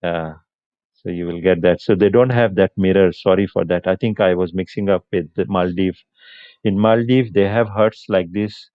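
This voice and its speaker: A man whose first language is Punjabi hosts a casual live stream, chatting unhurriedly with viewers, answering comments and laughing often. His low voice is smooth, clear and steady in tone, and the dry recording sounds a little muffled.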